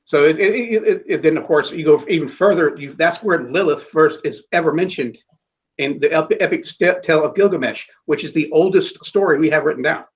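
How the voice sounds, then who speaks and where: In a casual conversation, a man with a fairly high pitch talks fairly quickly, rambling with many restarts and fillers and swearing bluntly and casually. The audio is dull and lo-fi.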